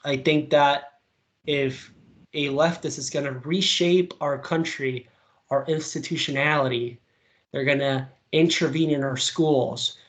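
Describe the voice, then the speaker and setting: In an interview, this youthful political commentator from Venezuela responds in a relaxed, lively manner, scattering fillers and firing off rapid bursts of speech. His pitch runs slightly high.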